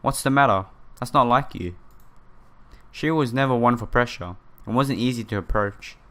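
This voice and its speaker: Reading a visual novel out loud in a casual let's play, this man speaks at normal speed in a medium-pitched, fairly bright voice. He stumbles over some words and drops side comments, with game music running underneath.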